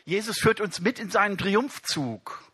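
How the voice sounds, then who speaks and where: A man delivering a sermon, his voice somewhat high and strikingly bright. There is a breathy, husky edge to his tone, and the room sounds dry and close. He turns often to his listeners and reads scripture with emphasis. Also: animated, measured pace. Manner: addresses the congregation directly, reads scripture aloud with emphasis. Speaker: preacher.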